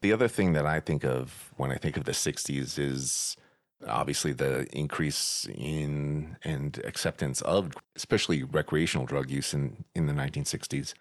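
A man with a very deep voice explains history on a podcast in a relaxed, informative manner. The recording is dry and close, with no room sound. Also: moderate pace, dry recording. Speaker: podcast co-host. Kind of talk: casual explanatory chat.

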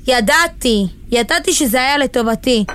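A woman's voice: high voice, lively intonation, a bit bright, smooth. An actress playing an emotional young woman, a worried daughter, in a radio drama. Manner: pleading, emotional.

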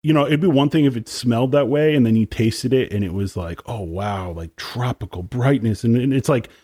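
A man co-hosting a podcast, a musician chatting casually and complaining with drawn-out emphasis. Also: mid-range voice, mellow, dry recording, clean studio sound. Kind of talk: casual chat.

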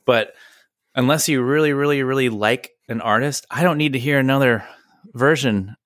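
A man's voice: medium pitch, normal speed, fairly bright tone, no room sound, studio quality. A man co-hosting a casual chat, joking and self-deprecating. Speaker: podcast co-host.

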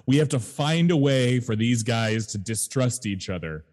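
A man co-hosting a casual movie discussion, slow and halting, often restarting his phrases. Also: medium pitch, expressive, darkish tone, big-room sound.

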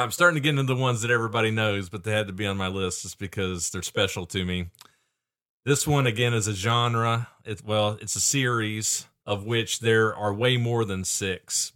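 Man, podcast co-host, casual chat, emphatic, nostalgic storyteller, lowish pitch. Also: steady tone, moderate pace, fairly bright tone.

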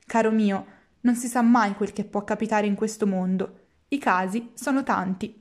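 A woman voicing a patient, kindly old man, a poor father, speaking lower and softer. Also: fairly even intonation, normal speed, close to an everyday voice.

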